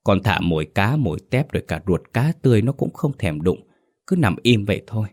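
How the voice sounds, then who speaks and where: Brief: a man doing a frightened old fish farmer, stammering, quick and anxious, low voice. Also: very animated, darkish tone. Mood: uneasy.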